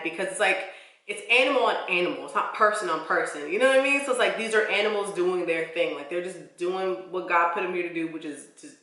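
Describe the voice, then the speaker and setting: Bright-voiced young woman telling a story. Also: on the low side. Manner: expressive, slangy storytelling with many "like"s. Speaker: vlogger. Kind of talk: storytime vlog. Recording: echoey room.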